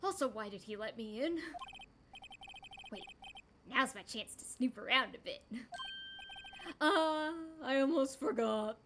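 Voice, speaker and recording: A woman's voice: fairly high pitch, lively intonation, unhurried, long pauses, noisy background. A woman voicing an earnest young male rookie lawyer in a video game, hesitant and self-questioning. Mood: flustered.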